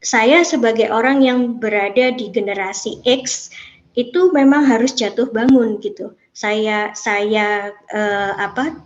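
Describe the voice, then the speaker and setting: A woman's voice: a little high, takes it slowly, dull audio. Chatty woman leading an online workshop. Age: 40s. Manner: chatty, reads out chat replies, many fillers. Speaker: teacher trainer. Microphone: video call.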